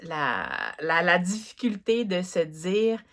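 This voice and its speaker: Chatty Québécois woman, low voice. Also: animated, slow pace, fairly bright tone. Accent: Québécois French. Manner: chatty, rambling, many fillers. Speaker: book vlogger. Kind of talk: casual chat.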